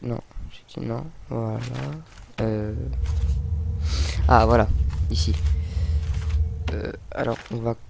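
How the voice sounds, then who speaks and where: Slow, hesitant young man with background noise. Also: mid-range voice, level tone. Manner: hesitant, many fillers, muttering to himself while building. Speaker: gaming video host. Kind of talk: casual let's-play commentary. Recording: home recording with clear background noise.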